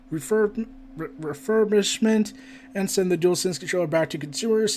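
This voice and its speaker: With a high, slightly mellow voice, this podcast host gives casual commentary on entertainment and gaming news. He stumbles over the reading and keeps adding chatty asides.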